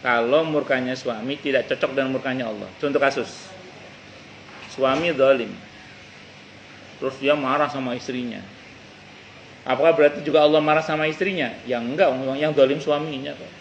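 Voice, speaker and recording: A man teaches a religious study circle in a gravelly, mid-pitched voice. He talks conversationally and restates each point. A faint hum of noise runs under the recording. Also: fairly even intonation, moderate pace, pauses often, dull audio. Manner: conversational, repeats points, quotes Arabic verses. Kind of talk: mosque study-circle lecture. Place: cafe.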